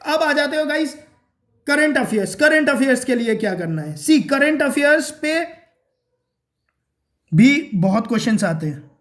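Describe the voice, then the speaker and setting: A man giving a casual exam-prep lesson, repeating his points and checking in with "okay?" and "clear?". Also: extremely high pitch, expressive, measured pace, pauses often, fairly bright tone, echoey room. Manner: repeats points, addresses viewers as guys and friends.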